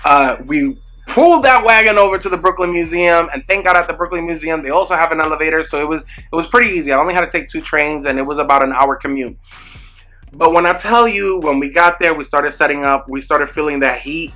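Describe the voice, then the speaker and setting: A young man telling an animated, chatty storytime about his small business, talking straight to his viewers. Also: fairly high pitch, fast. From New York. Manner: animated, chatty, emphatic retelling with asides to viewers. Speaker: small business owner vlogging. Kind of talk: casual storytime vlog. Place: home room with product shelves.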